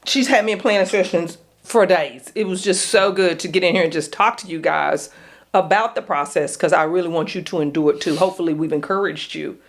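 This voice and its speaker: A woman who coaches and hosts a podcast leads a casual chat, urging listeners on in an upbeat, exhorting way. Her voice is lowish and brisk.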